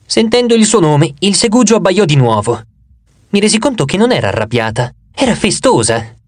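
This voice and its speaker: A male narrator reads an audiobook in the first person, telling the story with dramatic, expressive flair. His voice sits a bit high and swings widely in pitch. The sound is close and dry, with no room in it. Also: normal speed, dry recording.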